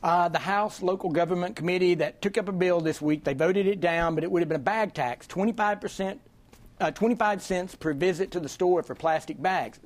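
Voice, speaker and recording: A man's voice: sits high, a little fast. A man speaking as a panelist on a political roundtable, chatty and joking, with many "you know"s. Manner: joking, chatty, fond of 'you know'.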